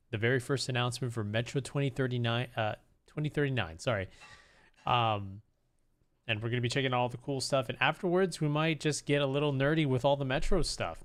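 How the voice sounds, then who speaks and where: Here a man with a mid-range, fairly bright-toned voice hosts a livestream. He addresses viewers casually, rambling, hesitating, and circling back to repeat himself.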